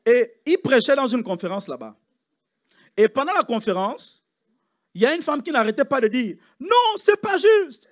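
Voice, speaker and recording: A man preaching in church with a high, bright-sounding pitch. His delivery swings wildly, climbing into loud calls and then dropping almost to a murmur. The pitch moves a great deal. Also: sing-song, normal speed, long pauses. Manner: preaching with rising shouts and sudden hushed drops. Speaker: pastor. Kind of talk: sermon.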